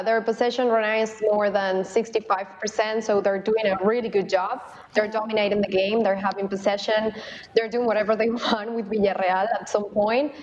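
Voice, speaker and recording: A woman's voice: mid-range voice, darkish tone, a little hiss or hum. A woman giving a match update from another game over a remote connection. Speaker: remote reporter. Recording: dull lo-fi remote line.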